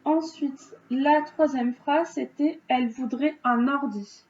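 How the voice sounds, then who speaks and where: A woman teacher slowly correcting vocabulary exercises, explaining rules patiently step by step. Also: high voice, darkish tone, a little hiss or hum. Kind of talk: remote vocabulary lesson correction. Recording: dull lo-fi home recording.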